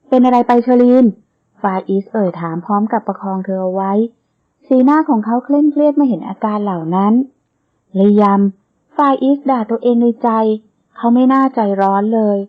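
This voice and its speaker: A woman narrating a romance novel in a steady storytelling manner. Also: mid-range voice. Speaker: audiobook narrator. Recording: tinny phone-like sound.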